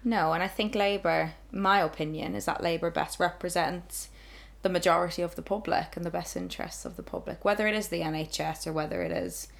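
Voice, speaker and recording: A woman's voice: fairly low pitch, lively intonation, brisk, creaky. A woman co-hosting a casual chat, frank and chatty. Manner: frank, chatty, laughs easily. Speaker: podcast co-host.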